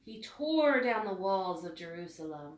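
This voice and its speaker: A woman reads a storybook aloud to children, her medium-pitched voice expressive and carefully phrased. The mic is distant and the room echoes.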